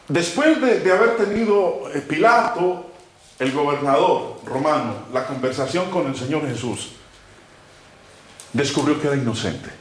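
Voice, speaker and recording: Preacher guy, lively voice that jumps high then drops way low, really echoey room with some hiss. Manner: dramatic, swings between loud emphasis and low hushed phrases. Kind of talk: sermon. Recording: very echoey room with faint noise.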